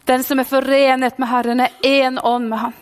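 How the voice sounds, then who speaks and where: A woman preaching a sermon with a mix in her speech, fervent, swinging between loud calls and hushed whispers. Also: high-pitched, flat delivery. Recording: long hall reverb.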